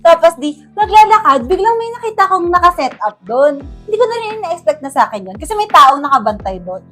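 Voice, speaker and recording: A woman's voice: very high voice, fairly quick, soft background music. A young Filipino woman animatedly telling the story of her proposal, acting out what she said. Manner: animated, acts out her own quoted lines. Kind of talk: casual storytelling.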